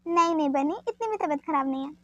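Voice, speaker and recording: A woman's voice: sits high, animated, fast, pushed and bright, no room sound, lo-fi sound. A woman voicing a patient, teasing pregnant young woman with a soothing, affectionate manner.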